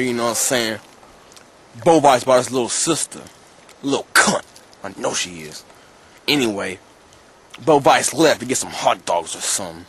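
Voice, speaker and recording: A man telling a story outdoors in the woods in a low, hushed, matter-of-fact way. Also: slight background noise. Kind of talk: confessional monologue.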